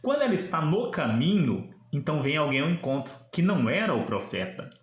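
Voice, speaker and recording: A man's voice: on the high side, big pitch swings, fairly quick, roomy sound. A man teaching a Bible lesson, explaining the text and asking the viewer questions. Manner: explanatory, asks the viewer questions, acts out quoted dialogue. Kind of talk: theology lesson to camera.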